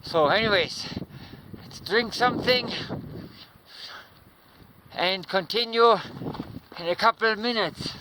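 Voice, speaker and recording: A man narrating a casual hiking vlog outdoors, speaking to viewers in a halting, unhurried way. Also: high-pitched, low-quality recording. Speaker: vlogger, mountain hiker. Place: outdoors on a high mountain trail. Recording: loud wind buffeting the mic outdoors. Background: wind noise.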